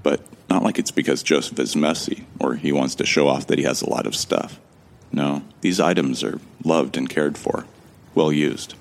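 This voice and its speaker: The first-person narrator of this audio drama is an amnesiac man with a tremendously deep voice crackling with gravelly fry. Speaking at a normal pace, he sounds urgent and observant, yet keeps a friendly, wry, conversational tone.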